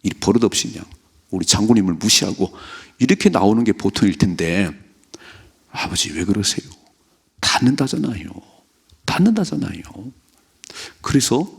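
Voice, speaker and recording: Gravelly husky-voiced male pastor. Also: fairly low pitch. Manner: animated storytelling, acting out characters' lines. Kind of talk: early-morning prayer sermon.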